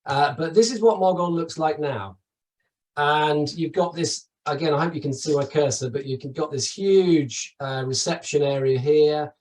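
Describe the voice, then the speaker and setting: A man's voice: a little high, normal speed, a little mellow, recorded from a distance, poor audio. A middle-aged man from the UK giving a chatty, enthusiastic webinar presentation over slides, with asides and restarts. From United Kingdom. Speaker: travel company presenter.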